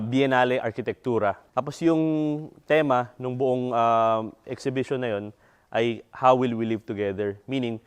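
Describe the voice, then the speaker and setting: A man's voice: medium pitch, clear, resonant tone. A man, an architect, who politely explains a community project and facilitates a workshop. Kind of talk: documentary interview and community workshop.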